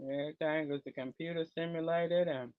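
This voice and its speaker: A man's voice: on the high side, steady tone, brisk, clean tone, no room sound. A man co-hosting a casual livestream, laid-back and agreeable. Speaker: livestream co-host. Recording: dull lo-fi dry sound.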